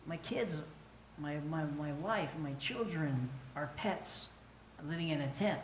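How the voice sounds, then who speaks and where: A man's voice: on the high side, animated, slight background noise. Earnest middle-aged man in an echoey room. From northern Arizona, United States. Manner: earnest, halting, with many pauses and fillers. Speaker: Navajo flute musician telling his story. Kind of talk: personal storytelling to an audience.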